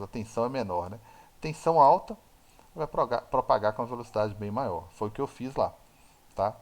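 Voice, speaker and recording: A man with a Brazilian Portuguese accent teaching a recorded physics lab lesson in a chatty way, correcting himself and checking in with listeners as he explains. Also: mid-range voice. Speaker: physics lecturer.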